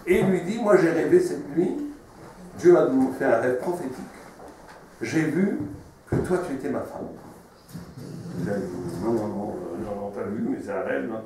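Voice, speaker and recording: A man's voice: medium pitch, lively intonation, moderate pace, long pauses, far from the mic. A man preaching as a rabbi, his voice ringing through a very echoey room from a mic placed well away from him. He tells stories expressively and often repeats words and phrases. A faint hiss sits underneath. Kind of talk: storytelling sermon.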